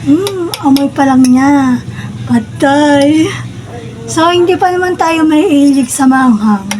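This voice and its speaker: A woman with a clearly high-pitched voice and a Filipino accent talks casually to the camera as a vlogger. She addresses her viewers in an informal, chatty style. There is faint background noise in the recording. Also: expressive, takes it slowly, a little mellow. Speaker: vlogger doing a food challenge. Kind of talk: casual vlog talk to viewers.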